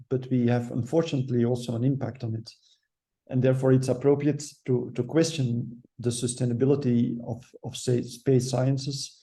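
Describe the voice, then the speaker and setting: A man hosting a webinar, giving a formal introduction in halting, measured phrases. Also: mid-range voice, dark tone. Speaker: webinar host.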